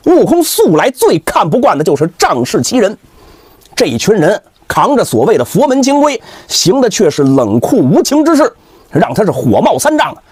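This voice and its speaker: A man performing traditional Chinese storytelling in a dramatic, animated way. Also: high-pitched, slightly rough, no room sound. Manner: dramatic, animated, with vivid sound words.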